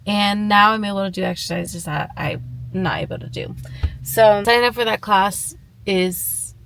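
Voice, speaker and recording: A woman's voice: medium pitch, normal speed, gravelly, fairly bright tone, slight background noise, rough recording. A young woman chatting casually to her vlog while running, out of breath from the exercise. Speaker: running vlogger.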